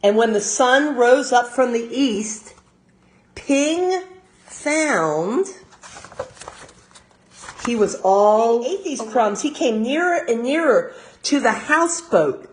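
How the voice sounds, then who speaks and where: A slightly high-pitched American woman plays the role of a young children's teacher reading a storybook. She brings expression to the text and stops occasionally for simple clarifying remarks.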